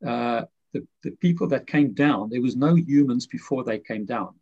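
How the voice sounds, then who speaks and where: A man's voice: mid-range voice, lively intonation, moderate pace, mellow, breathy edge. A man, a guest author, explaining his ideas in a rambling way full of fillers and restarts. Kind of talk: conversational explanation. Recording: muffled lo-fi audio.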